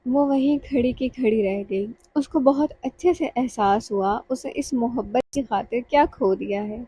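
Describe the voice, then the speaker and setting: A woman reads a romantic novel aloud in a measured, emotional way. Her voice is fairly high yet mellow and dark. The recording is close and dry. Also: husky, no echo, low-quality recording. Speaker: narrator. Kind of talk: scripted audiobook narration.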